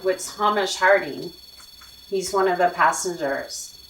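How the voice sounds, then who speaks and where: Calling out brief questions to spirits, a woman hosting a paranormal session echoes back what she hears as replies. She has a lowish, slightly bright voice and a measured pace, captured echoey and noisy with clicks on a faraway mic.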